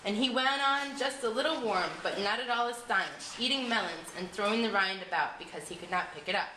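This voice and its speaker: Reading a scripted storybook story, this woman's medium-pitched voice is both expressive and deliberate. Faint noise and an echoey room color the recording.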